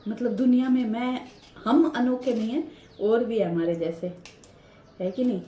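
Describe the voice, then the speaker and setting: A woman's voice: on the high side, normal speed, warm tone. A middle-aged woman chatting casually to her viewers in a home vlog, rambling from one thing to the next, recorded in a kitchen on a phone without a separate mic. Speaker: family vlogger. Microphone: built-in phone or camera mic, no external mic. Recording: echoey room with faint noise.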